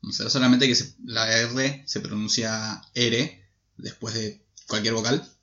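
Explaining Argentine man, bright voice. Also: on the low side, steady tone, measured pace. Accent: Argentine Spanish. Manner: explains at length, patient. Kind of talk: casual chat among friends. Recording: dull lo-fi sound.

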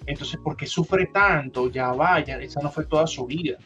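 A young Venezuelan man on a podcast, telling a story in casual chat, animated and full of swearing and slangy asides. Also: a little high, normal speed, muffled recording, soft background music. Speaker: podcast co-host.

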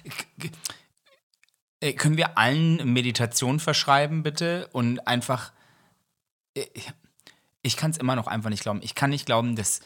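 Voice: mid-range voice, normal speed, pauses often, a bit bright. A co-host in casual podcast chat who speaks earnestly and indignantly, with some English phrases mixed in.

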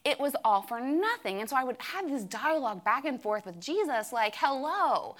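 A woman's voice: a little high, lively intonation, a little fast, a bit bright. A woman in her thirties telling a personal faith story to a room of friends, candid and self-dramatizing, with many fillers. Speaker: speaker sharing a testimony. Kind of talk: church testimony talk. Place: room with an audience.

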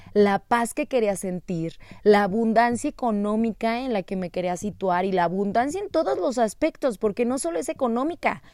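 A woman telling a personal story in an expressive, animated way. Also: a little high, dry recording, studio quality.

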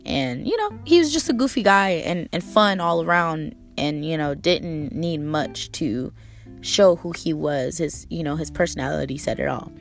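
Female host, hoarse from a cold, squeaky and creaky, casual slangy pep talk over soft guitar music. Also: lively intonation, moderate pace. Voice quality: squeaky, strained, a little off. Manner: slangy, swearing, emphatic, repeating key phrases. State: hoarse from a cold, recovering from a lost voice. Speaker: podcast host. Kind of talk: casual motivational monologue.

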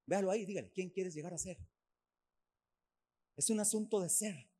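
A man, a pastor preaching a sermon at a church service, emphatic and repeating his points in lists, swinging from loud to hushed. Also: high-pitched, moderate pace. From Costa Rica.

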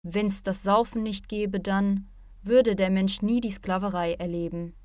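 A woman's voice: medium pitch, steady tone, unhurried, dark tone, no room sound, lightly acted. A weary young man sighs out a resigned remark, as a woman reads him aloud. The voice stays in a middling register. The recording is dry and close.

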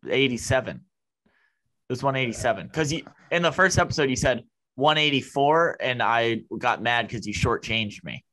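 An American man co-hosts a casual sports podcast. He has a medium-pitched voice and a wry, needling way of chipping in. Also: lively intonation, moderate pace, sharp tone, poor audio. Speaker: podcast co-host.

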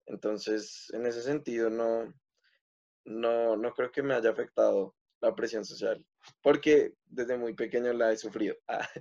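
Young man, casual question-and-answer chat, hesitant, lots of fillers, mid-pitched, slightly muffled recording. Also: steady tone, unhurried, gravelly, darkish tone. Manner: hesitant, many fillers and restarts. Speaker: video creator answering questions.

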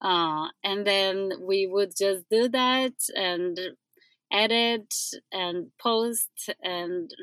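Slow-talking woman, dry sound. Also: mid-range voice, fairly bright tone, smooth, no echo. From Brazil. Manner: unhurried, laughs between thoughts. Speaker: guest, staging company co-founder. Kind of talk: casual podcast chat.

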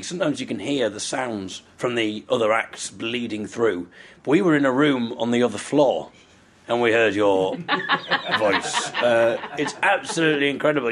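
Animated, rambling male podcast host. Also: mid-range voice, a little hiss or hum. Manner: rambling, thinking out loud. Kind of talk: casual podcast chat.

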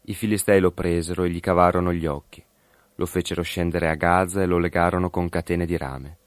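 Deep voiced man reading an old bible story, slow and measured, dry close sound. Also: no echo. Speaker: narrator. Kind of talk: scripted narration of a biblical story.

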